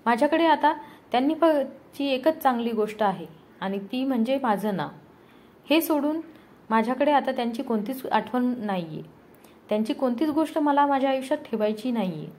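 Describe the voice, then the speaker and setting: A woman's voice: high voice, lively intonation, moderate pace, a little mellow. Guarded young husband, tense when pressed, storybook reading; a woman voices him. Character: young Indian husband, successful, guarded about his past.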